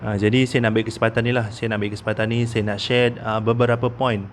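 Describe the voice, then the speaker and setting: A man's voice: fairly low pitch, little pitch movement, fast, slight background noise. A man in his thirties with a Malaysian Malay accent, giving a casual investment talk as a consultant, with many "ah" fillers and "okey?" tags. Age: 30s.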